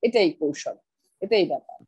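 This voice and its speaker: A woman's voice: lowish voice, animated, normal speed, dark tone, husky, dry recording, highs cut off. A middle-aged woman teaching pronunciation on a video call, patiently repeating words for her students. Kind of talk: online class, explaining pronunciation.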